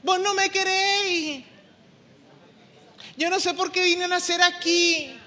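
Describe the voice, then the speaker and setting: A man's voice: fairly even intonation, slow pace, bright, forceful tone, heavily acted. A man voicing a defiant, whiny teenager who talks back indignantly to their parents. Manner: shrill, complaining, indignant.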